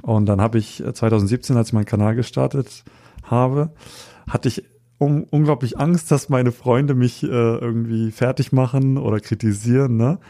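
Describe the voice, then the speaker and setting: A mellow, mid-range male voice with a steady tone and moderate pace. He's a street photographer in his thirties from Hamburg, Germany, appearing as a podcast guest and chatting casually in an interview, hesitant and full of fillers.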